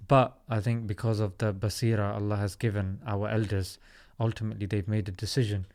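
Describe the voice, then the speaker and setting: A man's voice: on the low side, flat delivery, brisk, darkish tone. A man in his thirties from South London, a podcast guest telling his story in an earnest, reflective way. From South London, England. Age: 30s. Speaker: podcast guest, comedy YouTuber. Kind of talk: casual interview talk.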